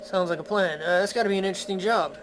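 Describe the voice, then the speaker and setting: A man's voice: high-pitched, very fast, background noise. A man giving casual let's-play commentary in a chatty, playful, wry way. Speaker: video game commentator. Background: game music.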